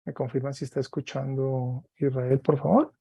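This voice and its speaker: Guy teaching a class over a video call, patient, repeats stuff, creaky voice, dry sound. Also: medium pitch, level tone, warm tone, dry recording, muffled recording. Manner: patient, slow, repeats words for students. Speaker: Greek teacher. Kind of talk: online class lecture.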